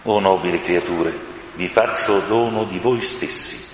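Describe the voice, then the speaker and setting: Man reading a storybook lion king: deep, slow, solemn, roomy echo. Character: majestic stern but joyful male lion. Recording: reverberant room with faint hiss.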